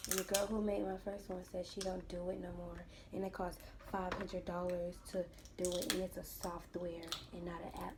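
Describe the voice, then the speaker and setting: A woman's voice: fairly low pitch, flat delivery, moderate pace, hardly any pauses. A young woman vlogging a mukbang at home, chatting casually and teasing her sister while she eats. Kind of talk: casual chat while eating. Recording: noisy home recording.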